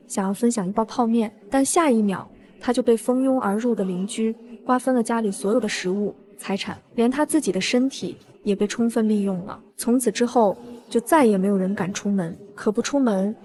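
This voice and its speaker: Woman narrating her revenge story, cool and smug, slightly high voice. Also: dark tone. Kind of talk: first-person scripted story narration.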